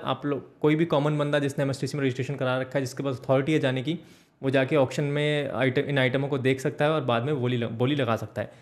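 A young man in his twenties hosting his channel, explaining to camera with a steady, brisk delivery that mixes in English words. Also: mid-range voice. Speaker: channel host. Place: indoor studio with green backdrop. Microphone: desk microphone in front.

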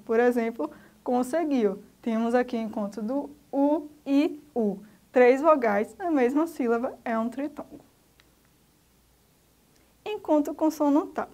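A woman teacher with a Brazilian accent gives a slow, didactic grammar lesson to children and spells out letters one by one. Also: sits high, darkish tone. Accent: Brazilian Portuguese.

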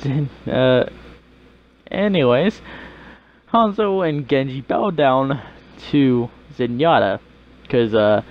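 A man improvises narration over a game video at an unhurried pace. His pitch rises and falls in lively swings, and he wanders off on chuckling asides. A faint hiss sits under the voice. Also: muffled recording.

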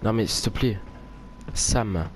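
A man with a slightly low voice plays a horror game and commentates as a spooked, grumbling streamer. He rambles casually, jokes crudely and swears often. There is faint background noise. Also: slow. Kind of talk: casual let's play commentary. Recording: noisy home game recording. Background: horror game ambience.

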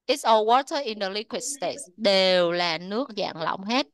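This is a woman teaching English to young learners in a classroom. She works through a lesson step by step, drawing each word out slowly and repeating it for the class to echo. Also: medium pitch, lively intonation.

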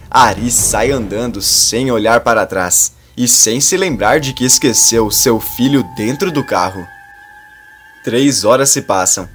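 A man reads a scripted soap opera recap with dramatic storytelling. His voice sits at a middle pitch. Faint music plays behind him. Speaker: narrator.

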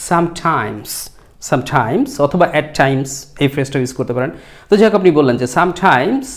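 A male English teacher giving an online lesson, addressing the viewers directly and stretching out the model sentences slowly. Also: a little high. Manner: slow, drawn-out model sentences.

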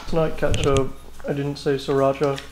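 A young man in casual vlog banter who talks in a flat, emotionless monotone and says he is sick. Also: mid-range voice, moderate pace, loud music behind the voice, rough recording. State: sick, low energy. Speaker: vlog companion.

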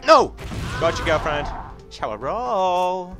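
Excitable young man gaming. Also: a little high. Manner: chattering, repeats words in rapid bursts, yelps and laughs. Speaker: gaming channel host. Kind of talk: excitable let's-play commentary. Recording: game music underneath.

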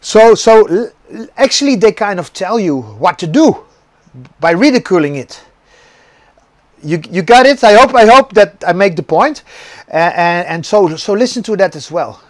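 Earnest high-voiced motivational man. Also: animated, moderate pace, no echo. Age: middle-aged. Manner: earnest, repeats words as he searches for them. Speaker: actor and stuntman. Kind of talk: motivational talk to viewers.

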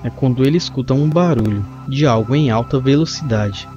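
A man narrating a comic book as a reader, describing the panels in steady storytelling. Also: medium pitch, a little fast. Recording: muffled lo-fi with faint music.

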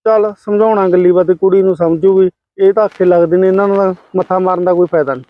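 A man plays a patient older village patriarch who talks fast in a raised, light voice and keeps brushing off every fight. The sound is dry and a little dull. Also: high-pitched, steady tone, no room sound, natural voice. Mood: calming, weary. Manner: soothing, repeatedly brushing off quarrels. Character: older rural grandfather, patient peacemaking head of family. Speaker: actor in a family skit. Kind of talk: home-made family drama skit.

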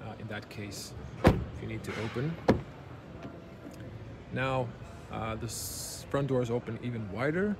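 A man's voice: mid-range voice, a little slow, pauses often. A man in his thirties giving a casual car review, pointing out details one by one as he walks around and sits inside, filmed on a handheld camera at an indoor auto show. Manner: running commentary, pointing out details as he goes. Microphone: handheld camera mic. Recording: noisy auto show hall. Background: show hall ambience.

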